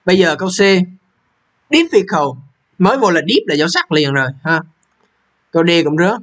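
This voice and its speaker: High-voiced man teaching English. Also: expressive, fast, fairly bright tone. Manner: repeats question numbers, asks students if they follow. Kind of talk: exam walkthrough lesson.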